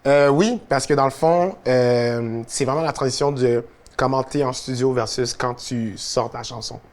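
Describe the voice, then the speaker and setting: In a medium-pitched voice and at a slightly slow pace, a young Quebec French-accented musician guest discusses his career. The talk is casual, relaxed and reflective, with many fillers.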